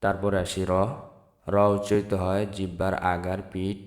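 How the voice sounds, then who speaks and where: A man from Bangladesh teaching the Arabic letters in a slow lesson, saying each sound and repeating it for viewers. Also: sits low, level tone, a little mellow. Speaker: Quran teacher. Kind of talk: slow step-by-step alphabet lesson.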